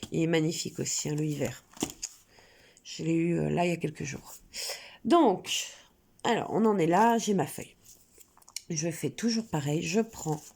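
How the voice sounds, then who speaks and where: Fighting a cold that makes her sniffle occasionally, a woman chats through her coloring hobby for her crafting vlog channel. Her voice is low, creaky, mellow, and slightly rough, and her delivery is casual and hesitant with lots of filler words.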